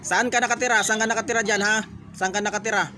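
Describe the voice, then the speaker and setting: A folk healer, a man, interrogates a spirit with blunt, repeated questions. His voice sits high and rings bright and forceful. Faint outdoor noise and passing vehicles hum in the background. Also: fairly even intonation, fast talker. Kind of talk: confronting a spirit during a healing ritual.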